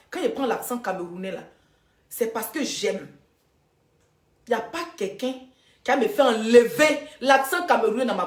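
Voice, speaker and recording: A woman from the Ivory Coast with an Ivorian French accent, talking in a heated livestream monologue, emphatic and repeating herself, her voice swinging between loud rises and quiet drops. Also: a little high, echoey room. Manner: emphatic, repeats herself, voice rising and dropping sharply. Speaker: social media livestreamer.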